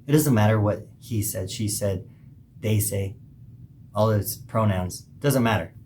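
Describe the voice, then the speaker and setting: Emphatic low-voiced man preaching. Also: darkish tone, slight background noise. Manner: emphatic, preachy, pauses between phrases. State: hiccuping. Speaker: podcast host. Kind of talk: opinionated monologue.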